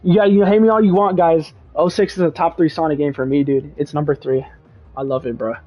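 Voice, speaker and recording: A man's voice: on the high side, fairly quick, lo-fi sound, soft background music. Young man rambling on a livestream. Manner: rambling, excitable, says dude and bro a lot. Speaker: streamer reading chat. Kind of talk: casual livestream chat.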